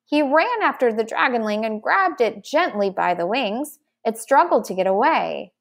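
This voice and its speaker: A woman reading a children's book aloud in slow, careful storytelling. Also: a little high, expressive, vocal fry. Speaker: narrator.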